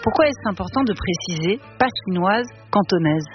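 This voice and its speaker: Radio host asking measured questions. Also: medium pitch, animated, over music. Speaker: radio interviewer. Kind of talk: radio interview. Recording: muffled radio broadcast with hiss.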